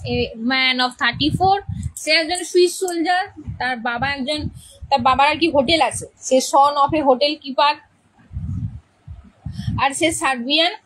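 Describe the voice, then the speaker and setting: A woman's voice: high-pitched, a bit bright, poor audio. A woman English teacher explaining a play's characters to students, repeating key words and often checking that they understand.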